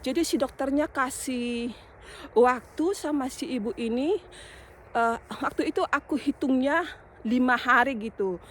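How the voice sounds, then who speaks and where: A woman from Indonesia talks straight to her viewers in a loose, chatty vlog, leaning on small filler words as she tells a story. Her voice sits fairly high for a woman. A faint noise runs underneath. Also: unhurried. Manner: chatty, addresses viewers directly with many fillers. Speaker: vlogger.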